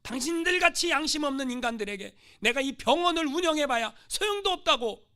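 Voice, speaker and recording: A man's voice: high-pitched, sing-song, fairly quick, pushed and bright, full character voice. A man voicing an indignant male missionary who keeps exclaiming his complaints, in a sermon story.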